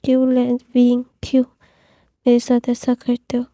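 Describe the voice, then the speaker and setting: A woman's voice: fairly high pitch, monotone, moderate pace, dark tone, no echo, clean studio sound, natural voice. A woman voicing a lovesick young male emperor who pleads tearfully and repeats himself in a storybook reading. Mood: pleading.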